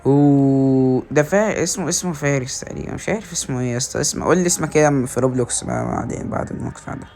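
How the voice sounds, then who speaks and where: Fast, gravelly Egyptian gamer man. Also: medium pitch, a little hiss or hum. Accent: Egyptian Arabic. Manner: excitable, calls out to teammates and teases them. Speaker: gaming video creator. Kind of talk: casual gameplay commentary with teammates.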